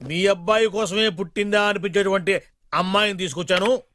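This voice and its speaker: An actor playing a chatty, scheming middle-aged marriage broker who flatters his clients, giggles and cracks rhyming jokes in a film comedy scene. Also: high-pitched, a little fast, slight background noise. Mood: wheedling.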